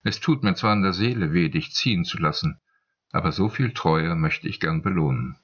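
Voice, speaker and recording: A man reading the lines of an older male head of household, who speaks calmly and in a measured way. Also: low voice, highs cut off. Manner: calm, measured.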